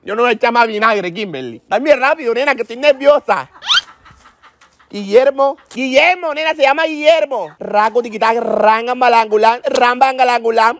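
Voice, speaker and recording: A man's voice: very high-pitched, fairly bright tone, full character voice. A man playing a jittery coastal woman on the phone. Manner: chatty, says "nena" every line, gets flustered. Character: nervous superstitious Caribbean woman doing a love spell. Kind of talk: comedy sketch, one side of a phone call.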